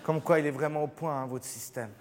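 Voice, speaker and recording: A man performing a stand-up comedy show on a theatre stage, animated and acting out little scenes. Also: on the high side, brisk, very noisy. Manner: animated, acts out scenes with shifting voices. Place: theatre stage with live audience. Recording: live theatre recording, hall reverb, audience laughter. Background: audience laughing.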